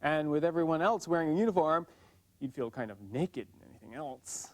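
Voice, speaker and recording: A man narrating a scripted language lesson, sounding out words slowly and carefully. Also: a little high, lively intonation. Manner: slow, careful pronunciation drills. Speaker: language teacher.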